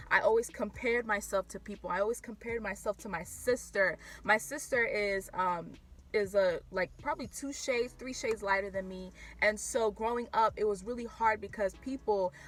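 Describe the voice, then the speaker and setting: This is a young woman vlogging about her own faith journey; she was born in Haiti and grew up in Florida. Her mid-range voice has a fairly bright tone, and her candid, casual delivery is full of fillers and false starts.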